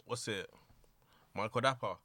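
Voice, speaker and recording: A man's voice: on the low side, measured pace, pushed and bright, dry recording, studio quality. A young man with a London accent chatting casually in slangy roadman style as a podcast co-host.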